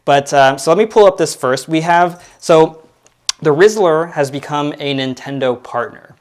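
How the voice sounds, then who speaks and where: A man's voice: fairly high pitch, moderate pace. Rambling young man hosting a podcast. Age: 20s. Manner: rambling, filler-heavy, self-deprecating. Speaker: podcast host. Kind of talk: casual solo commentary.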